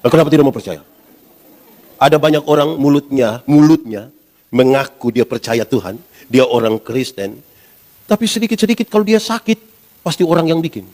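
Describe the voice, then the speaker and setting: A pastor in his forties, preaching a lively sermon and asking the congregation questions. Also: fairly high pitch, moderate pace, pauses often. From Indonesia. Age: 40s.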